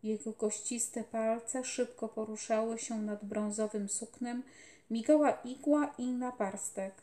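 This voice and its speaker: A woman reading a children's novel aloud at a calm, steady storytelling pace, recorded in an echoey room. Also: a little high, measured pace. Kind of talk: audiobook narration. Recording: roomy echoey home recording.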